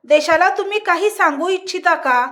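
A woman's voice: extremely high pitch, moderate pace, fairly bright tone, voice pushed up. A woman reading the lines of a pushy male journalist in a storybook reading. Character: journalist man pushing for a story.

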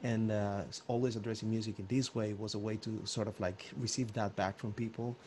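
A man's voice: fairly low pitch, little pitch movement, brisk, darkish tone, slight background noise. A man from Cuba, a musician, speaking reflectively about music and spirituality on a video call. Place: Barcelona home.

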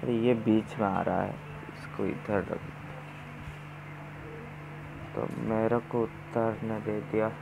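A man's voice: lowish voice, slow pace, vocal fry, pauses often, noisy background. A man streaming a mobile battle game live, talking to viewers and urgently calling out instructions to his teammates. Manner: excited, shouts instructions to teammates. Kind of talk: live gameplay commentary.

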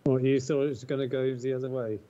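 A man playing a golf video game, chatting easily with a friend and thinking out loud as he reads his putts. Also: mid-range voice, little pitch movement, fast talker. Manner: easygoing, thinks aloud with restarts. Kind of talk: casual gaming chat. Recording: dull lo-fi mic.

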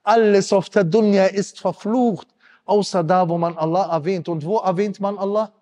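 A man's voice: fairly even intonation, normal speed, dark tone. A man in his thirties giving an emotional sermon, impassioned and pleading, addressing the congregation directly. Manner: impassioned, rising to high pleading cries. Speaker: preacher. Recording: long reverb hall.

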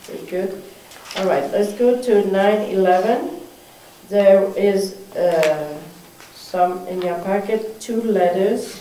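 A woman mayor chairing a town council meeting, moving briskly through agenda items in a council chamber. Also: medium pitch, warm tone. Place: council chamber, indoors, mid-sized room. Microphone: far room mic. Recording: echoey room, distant mic, faint hiss.

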